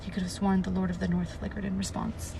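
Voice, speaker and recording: This twenty-something woman fast-talks through a livestream, reading a book aloud before wandering into casual, chatty conversation full of filler words. She has a creaky mid-range voice with an even tone, and background noise is audible.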